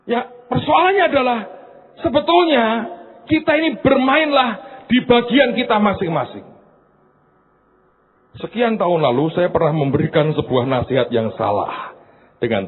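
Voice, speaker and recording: A man from Indonesia, preaching a sermon full of stories and acting out the people in them in put-on voices. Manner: animated, mimics gossiping women in high voices. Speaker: pastor. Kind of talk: sermon with storytelling. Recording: tinny phone-like sound with faint noise.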